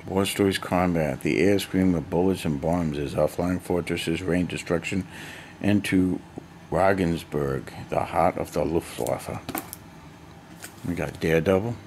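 Low-voiced older man rambling through his hoard. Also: a little slow, a little mellow. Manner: rambling, chatty, listing items one by one. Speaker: collector showing his hoard. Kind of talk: casual unboxing vlog. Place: cluttered basement storage room. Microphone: handheld camera mic. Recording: noisy home camera audio.

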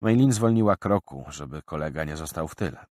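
A man narrating a children's adventure audiobook, expressive and animated, in a studio. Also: rumbling low, fairly quick, no echo.

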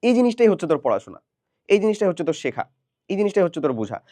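A man's voice: high voice, big pitch swings, very fast, mellow, no room sound. A young man teaching study tips in a casual, chatty lesson, talking straight to students, asking them questions and mixing in English phrases. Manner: explains and asks the listener questions.

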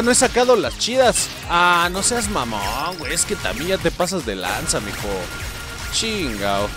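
A high-voiced man with a Mexican accent narrates his gameplay, his pitch swinging wildly as he cusses and shouts at the screen. Game music plays steadily behind him. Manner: excitable, swears and yells at the game. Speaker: gameplay streamer. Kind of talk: let's play commentary.

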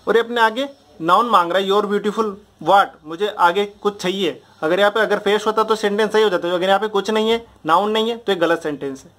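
A young man with a fairly high voice teaches a grammar lesson. He goes step by step, repeats the same example drills again and again, and keeps checking that his listeners follow. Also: fairly bright tone. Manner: explains patiently, repeating drills and checking understanding. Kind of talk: Hindi grammar lesson at a board.

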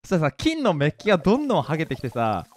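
A young man, a pro gamer and video creator, tells rambling, self-mocking stories about his childhood in casual chat while playing a game. His voice is a little high, with wildly swooping pitch and rapid-fire delivery. The recording is dry, with faint game music in the background.

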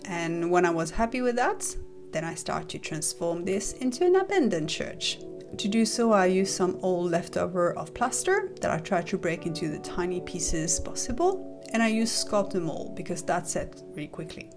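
A woman narrating a step-by-step model-making tutorial as a voice-over, calm and methodical as she explains each stage. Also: on the low side, normal speed, over music. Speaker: model maker explaining her build.

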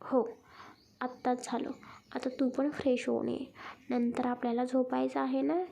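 A woman voicing a patient, caring young man who coaxes and gently scolds. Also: high-pitched, flat delivery, a little slow, vocal fry, a little hiss or hum. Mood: coaxing.

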